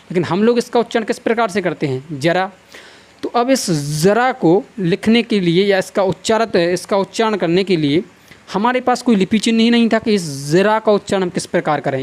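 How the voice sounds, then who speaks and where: A male teacher with a high-pitched voice and North Indian accent gives a Hindi grammar lesson in classroom lecture style. He asks the class questions, answers them himself and slowly repeats each sound for drill.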